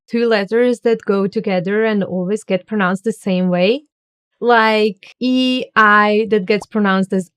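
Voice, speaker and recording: A woman language teacher narrates a scripted lesson for beginners in a clear, resonant, mid-range voice. She demonstrates how words are pronounced slowly and carefully.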